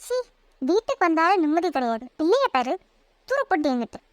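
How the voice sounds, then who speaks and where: A cranky college-age older sister from a cartoon, who snaps and scolds, as a woman puts her on. Her voice is very high and close-miked. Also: sing-song, fairly quick, no echo. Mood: irritated. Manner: snappish, scolding. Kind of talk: cartoon voice acting.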